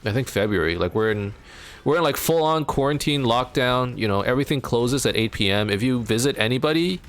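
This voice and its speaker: A young Canadian man streams a game from home, chatting casually with his viewers and the live chat. He rambles with plenty of fillers and talks fairly quickly, his pitch jumping up whenever he gets animated.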